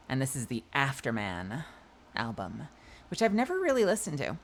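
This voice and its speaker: A woman with a nasal, medium-pitched, slightly bright voice hosts her live stream. She chats casually and greets viewers as she reads the chat, staying loose and talkative with frequent swearing and laughter.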